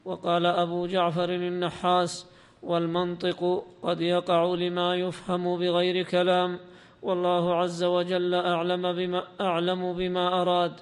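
A man's voice: high-pitched, completely flat delivery, clean tone. A man reading a classical religious text aloud to a teacher in a lilting, chanting style. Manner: lilting, drawn-out chanting delivery. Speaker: student reader. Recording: long hall reverb.

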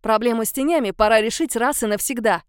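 A bold young huntress, voiced by a woman reader, who snaps back curtly at her elders. Her voice sits fairly high and the sound is dry. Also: fast talker, smooth, dry recording, close to an everyday voice. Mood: defiant. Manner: curt, defiant.

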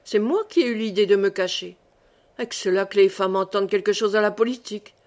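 A woman's voice: mid-range voice, a little fast, a little mellow, natural voice. A woman reading the part of a pompous, sullen provincial husband with a curt, condescending manner, for an audiobook.

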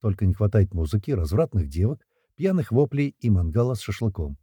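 A man playing a sly joker who plays dumb, drawling his words slowly. The voice is husky and very dark. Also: on the low side, very animated, no room sound, studio quality. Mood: sly mockery. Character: sly joking male gang member.

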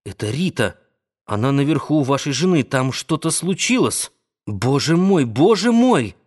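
A man voicing a frightened, excitable male artist who wails and gasps in panic. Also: mid-range voice, normal speed, close to an everyday voice. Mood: panicked. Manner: breathless, wailing.

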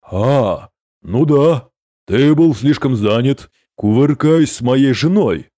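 A man voicing a calm, cold male sorcerer who speaks in a cutting, sarcastic way. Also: mid-range voice, slow, no room sound, studio quality, voice pushed up.

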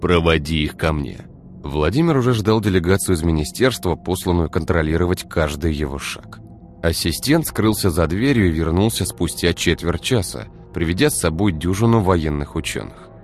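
Deep-voiced man narrating an audiobook. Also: lively intonation, moderate pace, soft background music. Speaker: audiobook reader.

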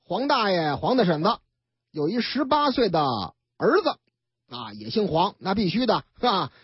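Man, Beijing accent, radio storyteller, chatty, very lively intonation, husky, dry dull broadcast sound. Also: sits high, normal speed, no echo. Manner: chatty, acts out every character. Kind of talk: colloquial crime story narration.

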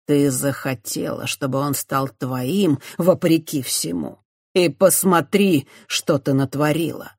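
An audiobook reader voicing a remorseful, torn male priest who speaks low, muted and sorrowful. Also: takes it slowly, creaky, darkish tone, slightly rough, no echo, clean studio sound, exaggerated voice. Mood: stern. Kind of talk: audiobook character voice.

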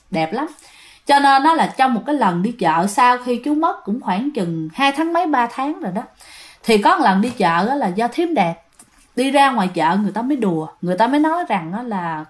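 A woman telling a ghost story in a chatty way, often turning to speak to her listeners. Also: a little high. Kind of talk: storytelling narration.

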